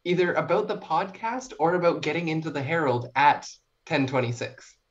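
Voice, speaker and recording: With a low voice at a moderate pace, a young short story writer chats as a podcast guest in a casual, self-reflective interview. The recording is lo-fi.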